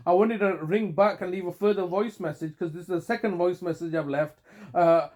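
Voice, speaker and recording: A man's voice: high voice, steady tone, a little fast, a little mellow. A man leaving a long phone voicemail, aggrieved and accusatory, often stopping to restart his sentences. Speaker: caller.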